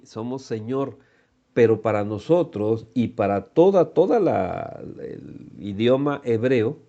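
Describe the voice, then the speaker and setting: A man's voice: mid-range voice, mellow. A man with a Mexican Spanish accent preaching a sermon, teaching unhurriedly, reading scripture and asking his listeners rhetorical questions. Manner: unhurried teaching, addresses listeners as little brothers; reads scripture aloud and asks rhetorical questions. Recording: dull lo-fi recording.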